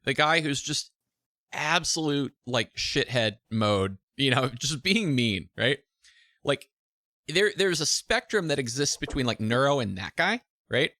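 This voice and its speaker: A man hosts an interview in a loose, conversational way, filling his thoughts with "like" and "right?". His pitch moves a lot and his tone is bright and forward. The recording is dry and close. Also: a little slow, no room sound. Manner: animated, thinks aloud with many "like" and "right?". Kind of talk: casual interview chat.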